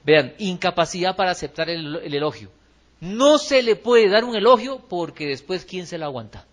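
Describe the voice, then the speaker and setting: A man with a Colombian accent preaching to his church, his voice pitched a little high for a man. He talks lively and animated, acts out little quotes and keeps asking the congregation questions. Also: moderate pace. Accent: Colombian Spanish. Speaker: pastor. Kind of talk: sermon. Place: church hall.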